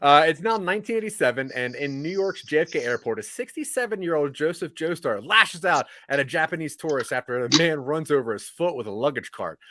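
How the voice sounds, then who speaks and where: Man recapping a show, animated and laughing. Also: mid-range voice, no echo. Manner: lively storytelling, laughing between lines. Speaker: podcast co-host summarizing the episode. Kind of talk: casual recap of a TV season.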